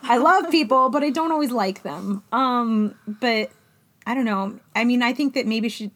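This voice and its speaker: A woman's voice: a little high, normal speed, fairly bright tone. A woman in her forties, a mother of teenagers from Florida, co-hosting a casual chat in a wry, chatty way. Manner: chatty, wry, throat-clearing. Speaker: podcast co-host.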